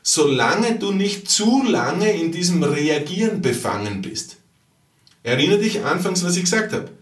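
A man delivers a motivational business monologue, hammering points home with repetition and questions to the listener. His voice sits slightly high and moves in lively leaps. He sounds a little distant from the mic, in a room with noticeable echo. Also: a little slow. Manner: emphatic, repetitive, rhetorical questions addressed to the listener. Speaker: podcast host and business coach.

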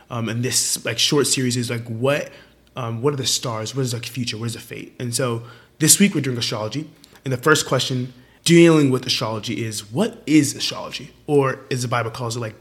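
With a strained voice that's nearly gone, a young adult podcast host keeps the casual chat cheerful and talkative, packed with fillers. He speaks at a moderate pace in a medium pitch.

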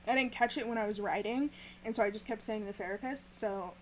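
A young woman hosting a podcast, recapping a TV episode in casual chat, laughing often and filling pauses with ums. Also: mid-range voice, slight background noise, poor audio.

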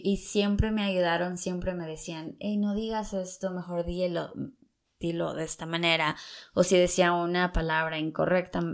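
A woman's voice: fairly low pitch, vocal fry. A young woman from Latin America gives earnest, encouraging advice in a casual vlog, telling stories from her own experience. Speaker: vlogger giving tips for learning English.

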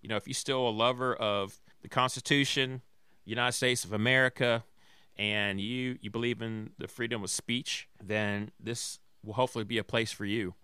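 A man from Atlanta co-hosting a casual talk show, relaxed and rambling, often correcting himself mid-sentence. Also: mid-range voice, moderate pace, smooth, no room sound, studio quality. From Atlanta, Georgia. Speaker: podcast co-host. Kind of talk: casual chat.

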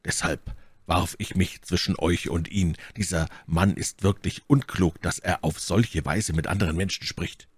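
A man reading an audiobook and voicing a grave musketeer who speaks with terrible calm and measured weight. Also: low-pitched, breathy edge, no echo.

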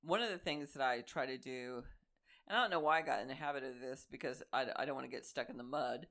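A woman with an Oklahoma accent, co-hosting a faith podcast and telling stories in a casual, animated way. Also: extremely low pitch, fast talker. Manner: animated storyteller, acts out quotes. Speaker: podcast co-host.

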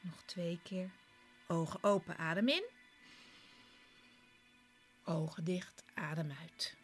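A woman guiding a relaxation exercise in a soft, soothing, partly whispered voice, with slow short instructions and pauses. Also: lowish voice, steady tone. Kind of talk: soft, soothing guided relaxation with breathy, part-whispered delivery. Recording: clear background music. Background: relaxation music.

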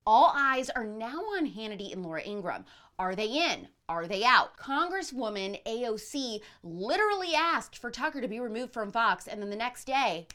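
A woman hosting a commentary show, delivering pop-culture and political opinions in a brisk, gossipy way. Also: a little high, very animated, pushed and bright.

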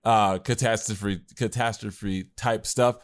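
A man's voice: on the low side, steady tone, slow pace. A man co-hosting a casual podcast chat, rambling with fillers and restarts. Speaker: podcast co-host and anime creator.

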